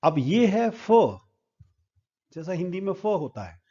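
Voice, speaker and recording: A man's voice: sits high, very animated, slow pace, mellow, slightly rough, highs cut off. A man teaching English phonetic symbols, spelling each word out sound by sound. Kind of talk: phonetics lesson at a board.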